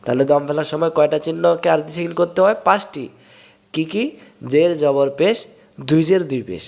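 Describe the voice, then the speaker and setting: A man from Bangladesh, teaching Quran reading step by step and drawing out sounds slowly to show them. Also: a little high, gravelly, a little mellow. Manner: explains step by step, drawls sounds slowly to demonstrate. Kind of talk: recitation lesson.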